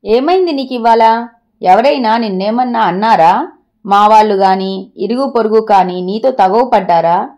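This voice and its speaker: A woman's voice: mid-range voice, moderate pace, a little mellow, lo-fi sound, lightly acted. A woman storyteller voicing an anxious, bewildered husband who pleads with his wife in a read-aloud audio story. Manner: worried, pleading questions. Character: anxious bewildered husband, middle-aged man.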